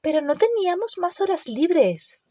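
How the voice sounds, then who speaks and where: A woman's voice: big pitch swings, normal speed, mellow, no room sound, clean studio sound. A woman voicing an anxious, earnest teenage girl who speaks in a raised, pleading, hesitant tone. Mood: insistent. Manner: high-pitched, pleading, hesitant. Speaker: audiobook character.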